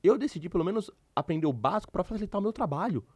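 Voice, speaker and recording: Brazilian guest, male, quick and animated, up-and-down delivery, dry close sound. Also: high voice, slightly rough, dry recording. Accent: Brazilian Portuguese. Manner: animated, emphatic storyteller. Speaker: podcast guest. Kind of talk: casual interview storytelling.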